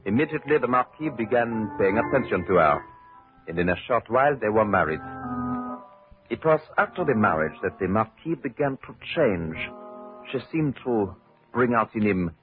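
An actor playing a genial French gentleman with a French accent, speaking in a courteous, measured way in an old radio drama. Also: lowish voice, very animated, over music. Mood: storytelling. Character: genial middle-aged French mayor's son, storyteller. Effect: old radio show. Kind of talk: 1940s radio drama acting. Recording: thin, phone-like old radio broadcast.

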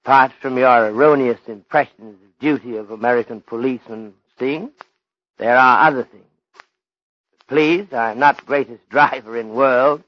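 An actor playing a courteous, stern Chinese police detective in an old radio drama, speaking in deliberate, ornate English with articles dropped. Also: male voice, mid-range voice, steady tone, no echo, natural voice. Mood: firm, instructive. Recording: dull lo-fi old radio recording.

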